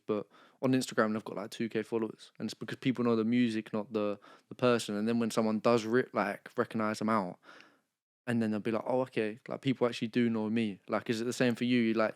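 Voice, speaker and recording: A young man hosts a casual podcast interview, his voice smooth and clear at a mid pitch. The sound is dry and close, and he asks long, chatty questions. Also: no room sound. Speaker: podcast host.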